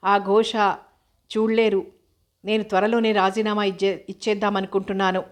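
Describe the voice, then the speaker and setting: A woman's voice: mid-range voice, little pitch movement, moderate pace, close to an everyday voice. A woman reading as a stern reproachful orphanage worker.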